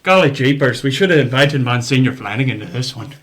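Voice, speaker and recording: A man's voice: mid-range voice, lively intonation, a little fast, a little hiss or hum, close to an everyday voice. A young man putting on an obnoxiously bad, hammy Irish accent as a jolly stage-Irish character. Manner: loud, chirpy, hammy.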